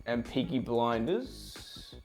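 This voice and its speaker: A man's voice: medium pitch, sing-song, slow, soft background music. An Australian man reviewing whiskey in a casual, conversational tasting chat.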